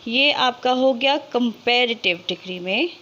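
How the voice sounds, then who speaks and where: A woman teaching English grammar in Hindi, asking questions and answering them herself, and stretching out the example words slowly. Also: fairly high pitch, bright, forceful tone, dull audio, a little hiss or hum. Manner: slow, drawn-out reading of example words. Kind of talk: explanatory lesson in Hindi with English terms.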